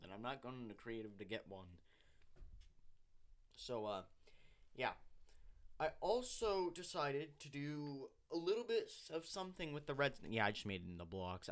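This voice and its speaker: Bright-voiced man rambling over gameplay. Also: medium pitch. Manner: rambling, self-correcting, chatty. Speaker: gaming channel host. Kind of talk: casual voiceover commentary on gameplay.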